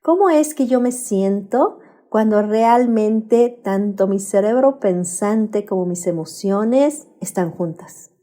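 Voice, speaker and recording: A woman with a Mexican accent giving a calm, explanatory talk on a radio program, often asking rhetorical questions. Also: mid-range voice, slow. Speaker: radio guest speaker on emotional health. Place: radio studio.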